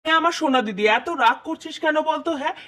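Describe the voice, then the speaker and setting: A performer voicing a hurried younger brother who coaxes and pleads with his sisters in a doll puppet show. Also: high-pitched, bright, forceful tone. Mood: coaxing.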